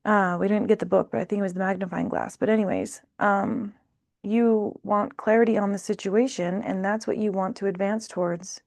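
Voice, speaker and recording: A woman's voice: medium pitch, fairly even intonation, normal speed, creaky, darkish tone, dry recording. A woman doing a casual tarot reading, thinking aloud in a blunt, exasperated way. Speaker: tarot reader.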